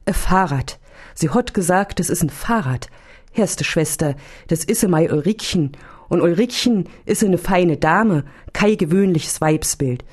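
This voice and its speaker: Woman doing a gruff old doctor. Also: on the low side, lively intonation, takes it slowly, hardly any pauses. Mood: ranting. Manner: blustering, then mournful.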